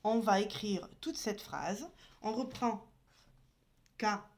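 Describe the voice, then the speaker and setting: Slow, patient woman teaching letters. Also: mid-range voice, a little hiss or hum. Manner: patient, spells out each letter and sound. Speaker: Arabic teacher. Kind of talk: slow step-by-step lesson.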